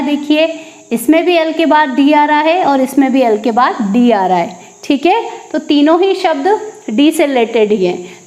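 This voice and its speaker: A woman teaching English at a board, slowly repeating each word and then answering her own questions. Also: high voice, echoey room. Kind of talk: classroom lesson. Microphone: teaching at a board with a marker.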